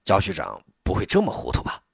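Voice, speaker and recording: A man voicing a blunt, hot-tempered village head who talks plainly and gets indignant quickly. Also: sits low, huge pitch swings, creaky, slightly rough, dry recording, clean studio sound, full character voice.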